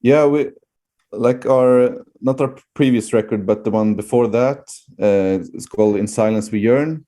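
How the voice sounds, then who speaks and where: A man's voice: mid-range voice, unhurried, warm tone. A man with a Swedish accent chatting casually as an interview guest, hesitant and often searching for words. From Sweden.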